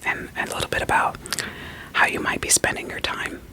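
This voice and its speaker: Playing a therapist for a soothing ASMR roleplay, a woman whispers briskly, asking gently probing questions in a playful manner and repeating short phrases, on a rough recording.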